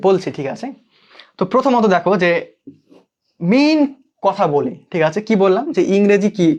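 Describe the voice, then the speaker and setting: A young man with a Bangladeshi Bengali accent teaching a live online English class, checking in with students again and again. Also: sits high. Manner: checks in constantly, asks students to comment. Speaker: English tutor.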